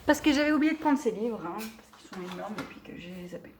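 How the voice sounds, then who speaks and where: A woman's voice: mid-range voice, animated, a little fast, darkish tone, a little hiss or hum. Chatty young woman gushing about books. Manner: chatty, rambling, many fillers and restarts; enthusiastic, gushing. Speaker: book vlogger. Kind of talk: casual chat.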